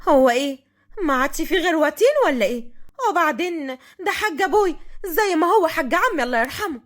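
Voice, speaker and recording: A woman's voice: very high voice, very animated, fast, pitched above the performer's own voice. A jealous young woman complains in a raised, sulky voice, as a woman narrator puts her on. She is bitter and resentful, with an Upper Egyptian accent, in an audio storybook. Her words carry a sour edge. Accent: Upper Egyptian Arabic.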